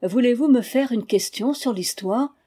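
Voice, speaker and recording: Eager little princess girl, curious and lively, mellow tone , a woman reading her lines. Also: a little high, normal speed, husky, voice pushed up.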